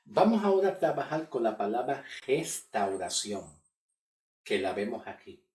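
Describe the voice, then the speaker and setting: A man's voice: mid-range voice, sing-song, normal speed, darkish tone. A man teaching a Bible study lesson, who repeats key words and keeps checking in with his listeners. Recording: echoey room, voice from far off the mic.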